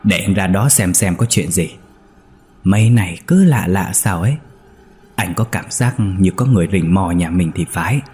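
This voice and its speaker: A man doing a gruff, blunt village husband. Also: low voice, normal speed, faint music behind, close to an everyday voice. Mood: uneasy. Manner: blunt, shouting when alarmed. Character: tense, gruff rural husband.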